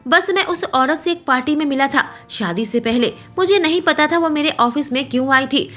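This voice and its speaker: A woman's voice: high voice, normal speed, a bit bright, faint music behind. A woman voicing a young husband who pleads and insists that his wife believe him. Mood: insistent.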